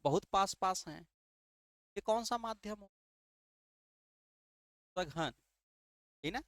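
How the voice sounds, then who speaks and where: Speaking slowly with lively intonation, a man with a high, fairly bright voice teaches an exam-prep lesson in studio quality with no room sound. He raises rhetorical questions and answers them, keeps repeating key terms, and checks understanding with "ठीक है".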